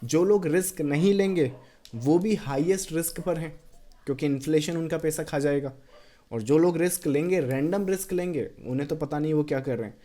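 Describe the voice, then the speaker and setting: A man walks through a trading chart, mixing Hindi and English as he counts out the waves. His voice sits a little high but sounds warm and mellow. He gets blunt with the people who doubt his method. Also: brisk. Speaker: trading educator. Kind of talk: chart walkthrough lesson.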